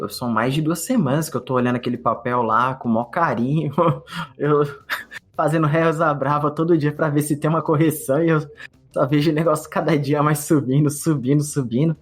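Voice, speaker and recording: A man's voice: fairly high pitch, fairly quick, breathy edge. A Brazilian man co-hosting a podcast, telling a story in casual chat and acting out his own past thoughts. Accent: Brazilian Portuguese. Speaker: podcast co-host.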